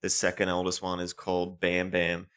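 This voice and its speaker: A man's voice: deep voice, completely flat delivery, normal speed, a bit bright. Swearing young man telling a story. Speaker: podcast co-host. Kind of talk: casual podcast banter.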